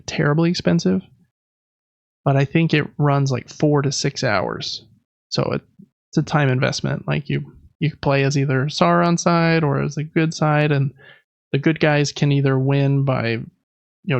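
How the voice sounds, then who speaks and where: On his podcast about board games, the host explains things in a relaxed, informal way. His voice is a little high and gravelly, with no echo and the highs cut off.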